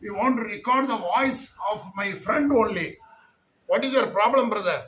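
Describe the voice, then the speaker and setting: A male voice doctor talks with a patient in a friendly, reassuring and chatty way. His voice sits a little high for a man. Clear background noise fills the clinic room around him. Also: extremely slow, a bit bright. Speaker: doctor treating voice problems. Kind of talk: clinic consultation and chat.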